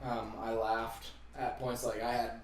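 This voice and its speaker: A man's voice: mid-range voice, monotone, a little slow, soft background music. A man co-hosting a podcast, joking casually as he reviews a film. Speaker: podcast co-host reviewing films. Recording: very echoey, distant mic, clear noise.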